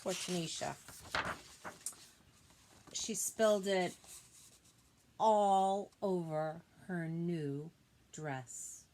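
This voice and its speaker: Reading a picture book expressively to young children, this teacher has a lowish voice and a steady tone. She stops at points to gently offer simple explanations.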